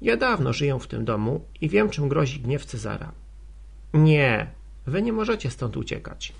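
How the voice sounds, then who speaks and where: A man's voice: medium pitch, very animated, moderate pace, creaky, breathy edge, heavily acted. A man voicing a young freedwoman who earnestly persuades her friend, in an audiobook. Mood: persuasive. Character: young freedwoman, gentle and worldly.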